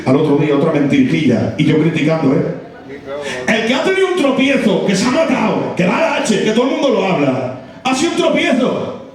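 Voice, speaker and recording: A man preaches a sermon in a very high voice, driving home points with repetition and bursts of shouting. He is picked up from well away from the mic, and the church hall around him rings with heavy echo. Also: very animated, brisk, distant mic. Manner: impassioned, rising to shouted, repetitive emphasis.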